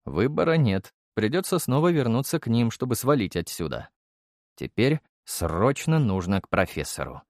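Male audiobook narrator, animated delivery, dry close mic. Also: medium pitch, moderate pace, no echo. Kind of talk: first-person fantasy audiobook narration.

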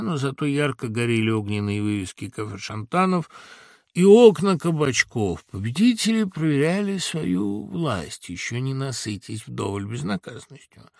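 Man narrating with expressive swings. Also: mid-range voice, creaky, no room sound, clean studio sound. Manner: dramatic, expressive storytelling. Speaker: audiobook reader. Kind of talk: literary audiobook narration. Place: recording studio. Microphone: studio mic.

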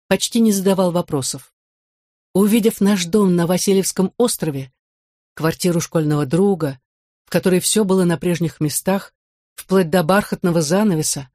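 A woman narrating a memoir audiobook in a measured, expressive reading. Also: fairly low pitch, dry recording, clean studio sound.

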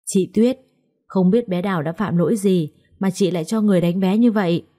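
A woman's voice: medium pitch, brisk, mellow, natural voice. Polite young bride, voiced by a woman. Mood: firm. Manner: polite, restrained. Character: gentle but firm young bride.

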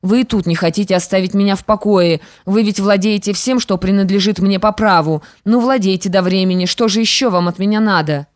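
A woman's voice: mid-range voice, a little fast, few pauses, no echo, clean studio sound, natural voice. A woman voicing a defiant young stepdaughter in an audiobook, firm and reproachful. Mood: indignant. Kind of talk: audiobook character reading.

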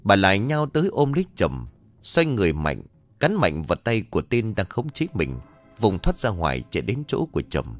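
A man narrating a ghost story in a dramatic, expressive reading. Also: fairly low pitch, moderate pace, soft background music.

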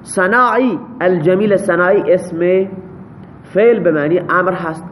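A man's voice: sits high, a bit bright, slight background noise. A man teaching a classroom grammar lesson, parsing example sentences step by step and checking answers with his students.

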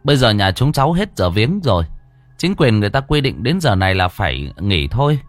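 A man's voice: on the low side, very animated, brisk, dry recording, faint music behind. Man doing a stammering bold son. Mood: nervous. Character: bold middle-aged son, nervous but firm.

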